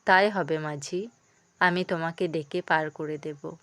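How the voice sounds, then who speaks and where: A woman voicing a gentle divine male prince who speaks calmly and reassuringly, in a smooth, slow voice. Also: deep voice, no room sound.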